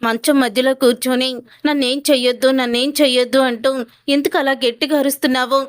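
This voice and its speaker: A woman's voice: high-pitched, fairly even intonation, fairly quick, clean tone, no room sound, studio quality, close to an everyday voice. A woman narrator reading a stern scolding mother-in-law. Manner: scolding, demanding.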